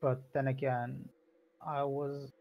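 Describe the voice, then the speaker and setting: A man's voice: mid-range voice, monotone, takes it slowly, vocal fry, lo-fi sound. A man playing a tabletop game, casually moving between describing actions and speaking in character. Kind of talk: casual in-character role-play.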